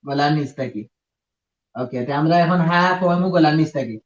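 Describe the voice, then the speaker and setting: A man's voice: fairly high pitch, moderate pace. A man with a Sylheti accent teaching Quran recitation in a live online class, patiently drilling sounds and mixing in English. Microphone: video call. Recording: dull lo-fi video call audio.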